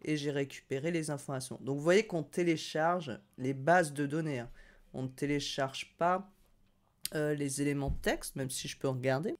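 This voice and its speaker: A woman's voice: sits low, moderate pace. A woman hosting a casual screen-share tutorial on a no-code tool, chatty and upbeat with frequent hesitations.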